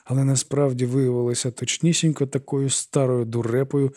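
A man narrating an audiobook in an even, measured storytelling voice. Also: mid-range voice, no room sound, clean studio sound.

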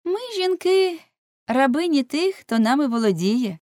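A woman's voice: high voice, sing-song, measured pace, darkish tone, no room sound, clean studio sound, pitched above the performer's own voice. A woman voicing a devout young servant girl in an audiobook, talking in an earnest, pleading way.

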